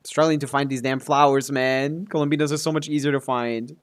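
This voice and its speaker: A man live-streams a game, answering chat and thinking aloud in an offhand way, with casual commentary and some loose swearing. His average-pitched voice is flat, a little fast and clean in tone.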